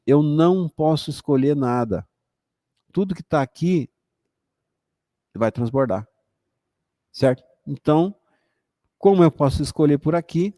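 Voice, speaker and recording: A Brazilian man with a Brazilian Portuguese accent giving a casual motivational talk, conversational and animated, often tagging his points with little questions to the listener. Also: dry recording. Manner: conversational, frequent "sabe?" and "né?" asides; animated, emphatic rises in pitch. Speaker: motivational speaker.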